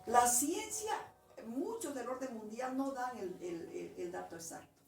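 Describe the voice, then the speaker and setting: A woman's voice: on the high side, lively intonation, unhurried, creaky, music in the background. A woman preacher telling a personal testimony in a sermon, emotional and restarting her words, in an echoey church room. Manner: emotional storytelling with frequent restarts. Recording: echoey room, distant mic, faint noise.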